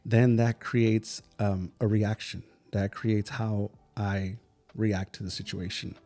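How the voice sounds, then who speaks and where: A man's voice: lowish voice, level tone, slow, dark tone. A man talking as a guest on a podcast who tells stories and acts out what others said, laughing often, then explains ideas step by step repeated "right?". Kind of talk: casual podcast conversation.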